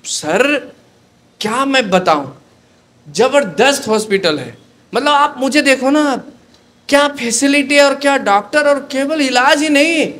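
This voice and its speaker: A man's voice: very high-pitched, fairly bright tone, voice pushed up, heavily acted. A man voicing a grateful male patient just cured, eagerly praising the hospital, in a story told during a sermon.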